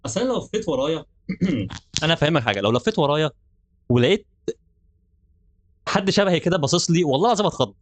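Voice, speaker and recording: Fast-talking Egyptian young man gaming. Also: fairly high pitch, big pitch swings, no echo. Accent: Egyptian Arabic. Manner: jokey, nervous, laughs often. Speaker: gaming channel host. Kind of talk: let's play commentary.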